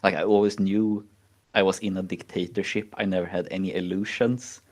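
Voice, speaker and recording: A man from Sweden with a Swedish accent chats casually on a stream, his low voice flat and a little fast. He rambles and mocks, full of fillers like "like" and "you know."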